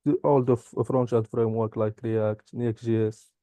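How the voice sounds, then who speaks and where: Halting, dark-voiced man from Morocco. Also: medium pitch, little pitch movement, no room sound. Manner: halting non-native English, many "uh" pauses. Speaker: software engineering graduate. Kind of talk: interview answers and product demo.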